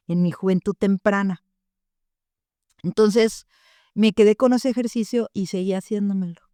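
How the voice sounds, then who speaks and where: A woman's voice: mid-range voice, no echo, studio quality. A middle-aged woman, a therapist telling stories casually and acting out the dialogue she quotes. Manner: animated, acts out quoted dialogue. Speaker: therapist guest. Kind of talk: casual storytelling.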